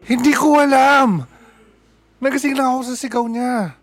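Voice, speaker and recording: An alarmed old care-home resident. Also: male voice, medium pitch, fairly even intonation, a little slow, breathy edge. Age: older. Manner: loud and alarmed, then solemn in prayer. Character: elderly male care-home resident who prays against evil. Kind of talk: radio drama acting.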